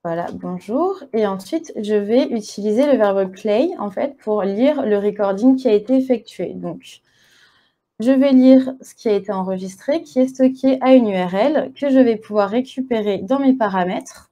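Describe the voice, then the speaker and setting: A woman's voice: medium pitch, moderate pace, dark tone, lo-fi sound. A woman giving a tech conference talk with a live coding demo, chatty and casual, marking each step with little filler words. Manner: casual, chatty, punctuates steps with "hop" and "voilà". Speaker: conference speaker.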